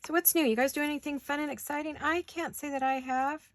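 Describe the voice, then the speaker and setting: A woman hosts a crafting video, chatting casually and talking to herself as she works, while she has the hiccups. Her voice is high-pitched and fast, with a steady tone.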